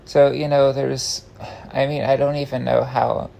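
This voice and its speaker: Gravelly man rambling in a casual confessional. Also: mid-range voice, level tone, a little slow, dark tone, rough recording. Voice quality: gravelly, creaky. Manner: hesitant, meandering, self-interrupting with frequent false starts. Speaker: online content creator. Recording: faint background noise.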